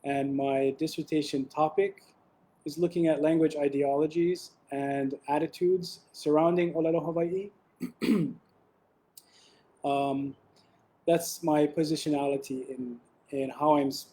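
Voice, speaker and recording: Over a video call, a young man presents an academic webinar in a relaxed manner, with frequent ums and restarts. His fairly high voice moves a little slowly, and the audio quality is poor.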